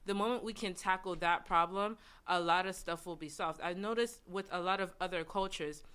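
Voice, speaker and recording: A woman's voice: on the low side, moderate pace, a bit bright, smooth. A woman from Nigeria who speaks earnestly and persuasively as a guest on a panel discussion. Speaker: events and marketing manager, panel guest.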